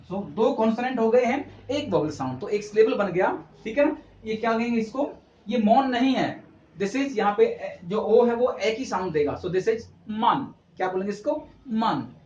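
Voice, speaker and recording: A fairly high-voiced man gives a step-by-step English pronunciation lesson. He repeats key points and keeps asking rhetorical questions. The recording sounds roomy and a little dull, with a faint hum underneath. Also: darkish tone. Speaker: English teacher.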